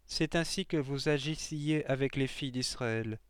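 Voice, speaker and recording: A bold boy prophet sternly rebukes corrupt old judges in a storybook reading by a man. The tone is firm and rebuking. The voice is smooth and resonant, recorded dry and close. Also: medium pitch, moderate pace, no echo, natural voice.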